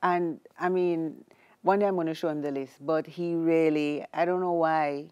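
A woman, a guest telling her life story in casual chat, animated and laughing often. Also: deep voice, moderate pace, clear, resonant tone, dull audio.

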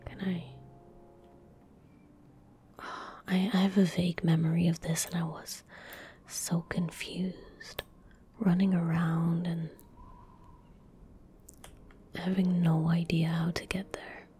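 Soft game ambience and faint noise accompany a young adult ASMR gaming streamer who whispers on the low side. Speaking breathily and without hurry from her indoor computer spot, she murmurs little asides to herself as she plays.

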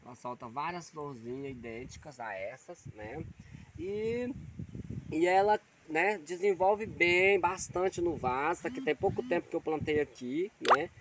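Vlogger man with a fairly high voice, chatty and filler-heavy, showing his plants outdoors over loud rural noise. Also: a little slow. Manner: chatty, repeats "né?" after almost every phrase. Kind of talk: casual plant tour vlog.

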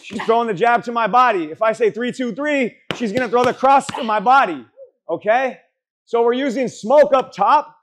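High-pitched male boxing coach firing up trainees. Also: normal speed, a little hiss or hum. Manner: motivational, pep-talk coaching, urging and blunt; profane. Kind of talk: hands-on drill instruction to a class. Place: boxing gym during a group class.

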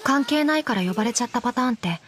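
An actress voicing a deadpan undead doll girl who teases dryly in an in-character anime commentary. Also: fairly high pitch, racing, slight background noise, lightly acted. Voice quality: flat, emotionless delivery. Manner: teasing, dry deadpan jokes. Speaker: commentary co-host.

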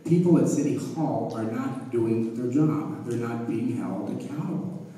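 A man's voice: mid-range voice, unhurried, mellow. A man, a candidate, giving a firm, emphatic debate answer. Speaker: aldermanic candidate. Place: large hall with stage. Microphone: far phone camera. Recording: echoey hall from far off.

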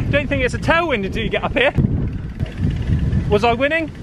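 A man hosting a vlog from a windy hillside road, shouting encouragement at passing riders and joking about himself. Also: extremely high pitch, lively intonation, moderate pace. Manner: loud cheering, jokey and self-mocking. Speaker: vlogger host. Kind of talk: roadside commentary and banter. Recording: music playing under the voice.

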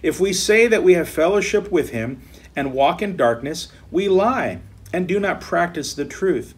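A middle-aged American pastor leads Bible study from his home office desk, earnestly reading scripture aloud with slow emphasis. His voice is high-pitched and expressive, with a breathy edge.

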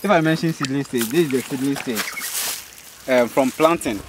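This maize farmer, a Ghanaian man in his thirties, speaks at a moderate pace in a mid-range voice while patiently walking an interviewer through crop stages and checking for understanding. The talk happens outdoors in an open field, captured on the host's handheld phone amid background noise.

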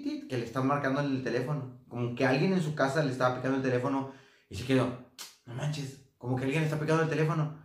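A man casually telling ghost stories from his travels, acting out what people said. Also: mid-range voice. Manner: relaxed anecdotal, acts out quotes. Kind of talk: casual storytelling. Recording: roomy echo.

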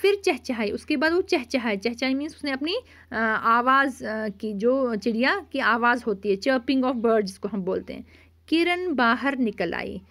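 A woman's voice: a little high, lively intonation, a little slow, a bit bright. A woman teaching a vocabulary lesson, patiently repeating words and explaining each one with English glosses.

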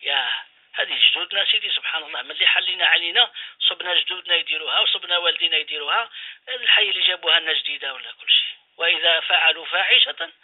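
A man's voice: fairly high pitch, expressive, very fast. Man, imam, radio sermon, exhorting, rhetorical questions, tinny phone line.

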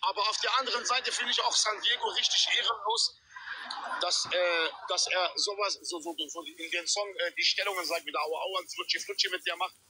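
A man's voice: high-pitched, animated, a little fast, sharp tone, a little hiss or hum, poor audio. A middle-aged man chats in slang on a livestream by phone, insistent and full of oaths. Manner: insistent, swearing oaths, repetitive. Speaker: guest on a livestream. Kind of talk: casual slangy livestream chat. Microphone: handheld phone on a video call.

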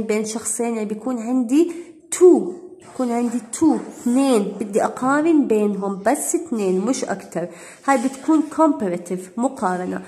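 A woman English teacher gives a recorded grammar lesson, slightly high in pitch. She drags out each English example word slowly. Her explanations in between come quicker and plainer. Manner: switches between slow, deliberate English and quick Arabic explanations; stretches out English example words.

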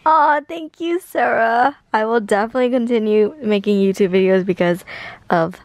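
A woman's voice: fairly high pitch, moderate pace, dry recording. A tired young woman chatting casually in a vlog, gushing affectionately over fan messages. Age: young adult. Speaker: vlogger reading fan messages.

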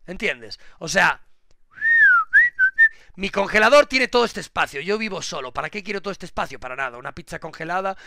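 A young man, streaming live in casual chat, crude and swearing, switching from low muttering to sudden shouting. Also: lively intonation, fairly quick, vocal fry, slight background noise.

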